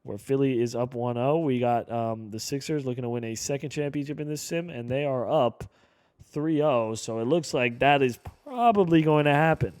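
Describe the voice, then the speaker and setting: A man in his early twenties giving casual play-by-play commentary over a basketball video game, excitable and breaking into sudden shouts. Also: medium pitch, moderate pace, clean tone, dry recording. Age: 20s. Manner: excitable, calls plays aloud with sudden shouts. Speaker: gaming YouTuber.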